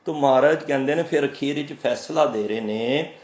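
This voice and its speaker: A man giving a sermon on scripture. He recites the verses slowly, then explains them and answers his own questions. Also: medium pitch, a little mellow, reverberant. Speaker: Sikh preacher. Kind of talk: scripture exposition.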